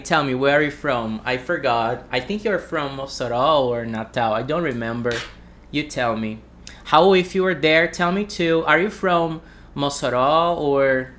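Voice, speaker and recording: A man's voice: mid-range voice, fairly bright tone. A man from Brazil with a Brazilian accent, a native Portuguese speaker teaching an English lesson on a livestream, repeating phrases for students to echo.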